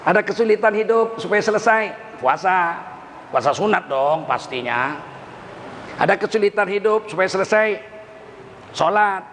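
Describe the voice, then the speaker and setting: An older man delivers a sermon in a high, animated voice, acting out the people in his stories. His voice rings through a reverberant hall, with faint noise underneath. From Indonesia. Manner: animated storytelling with quoted dialogue. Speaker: preacher.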